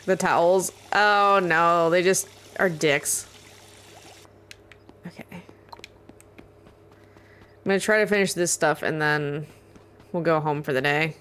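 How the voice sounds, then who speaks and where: A woman's voice: on the low side, slow pace, long pauses, a bit bright, clear, resonant tone. A woman streaming a video game live, chatting casually to herself and her viewers and swearing freely. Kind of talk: live gameplay commentary.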